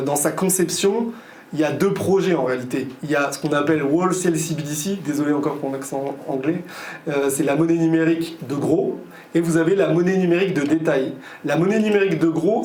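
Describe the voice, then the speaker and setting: A man's voice: a little high, darkish tone. A man giving a conference talk to a live audience. He hesitates a lot, with frequent fillers and repeated words, and slips in sarcastic, ironic asides. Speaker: guest lecturer. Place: conference hall. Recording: echoey hall, faint room noise.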